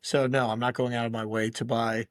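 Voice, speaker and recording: A man's voice: mid-range voice, little pitch movement, a little fast, no room sound. Opinionated male podcast co-host. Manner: opinionated, emphatic hot takes. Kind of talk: casual chat.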